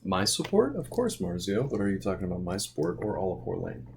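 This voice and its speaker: A man plays a coy, mercenary madam in a tabletop game. The voice sits low and speaks in measured, transactional phrases, with a little background noise. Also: wildly swooping pitch, vocal fry, full character voice. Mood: shrewd, probing. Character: shrewd, coy madam-thief woman, mercenary and teasing.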